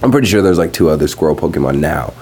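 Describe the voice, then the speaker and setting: A young man talking casually and profanely on his podcast while high, rambling from one thought to the next. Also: expressive, racing, darkish tone, breathy edge. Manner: rambling, profane, laid-back. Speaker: podcast host. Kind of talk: casual stoned podcast monologue. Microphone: podcast microphone.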